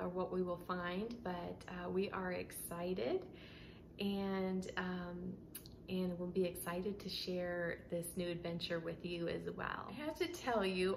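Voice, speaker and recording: With a lowish, creaky voice and a bit of hiss or hum behind her, a home decor vlogger chats indoors about her house. She rambles, restarts, uses plenty of fillers and says "y'all," filmed up close by a camera framed at chest height.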